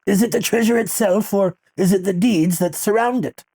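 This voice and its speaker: Captain Jeb, someone playing a gravelly pirate host. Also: medium pitch, normal speed, dark tone. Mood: grand. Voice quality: gravelly, husky. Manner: theatrical pirate talk, rolling and dramatic. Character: gruff male pirate captain hosting a call-in show. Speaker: radio host.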